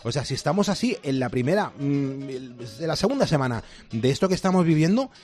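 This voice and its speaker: A man's voice: on the high side, big pitch swings, brisk, a little mellow, faint music behind. A man with a Castilian accent from Spain hosting live radio in a chatty, emphatic way. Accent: Castilian Spanish from Spain. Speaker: radio host.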